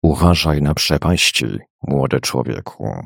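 A man voicing a mysterious older male traveler in an audiobook, speaking slowly and solemnly with a drawn-out, piercing delivery. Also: a bass voice, vocal fry, a bit bright, dry recording, clean studio sound, voice pushed down, heavily acted. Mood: ominous.

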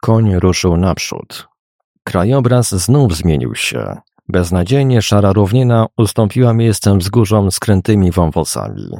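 A man's voice: low voice, very animated, a little slow, creaky, dark tone, no room sound, clean studio sound. A man narrating an adventure novel as an audiobook, reading expressively. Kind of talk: scripted narration.

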